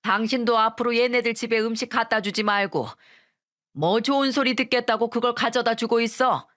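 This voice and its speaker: A woman's voice: fairly high pitch, fairly quick, fairly bright tone, close to an everyday voice. Woman doing a stern scolding father-in-law. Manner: gruff, lecturing.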